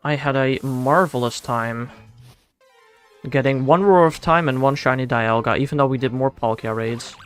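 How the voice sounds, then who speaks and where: While playing a game on stream, a laid-back young Dutchman talks slangily with his chat, answering their messages and chatting to himself. He has a Dutch accent and a smooth, medium-pitched voice at a moderate pace, over soft background music.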